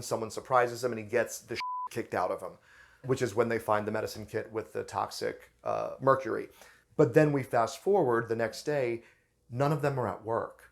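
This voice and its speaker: Male host, mid-pitched and gravelly, casual enthusiastic recap with lots of fillers. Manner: chatty and enthusiastic, with fillers and restarts. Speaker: host of a book and film review channel. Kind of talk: casual review commentary.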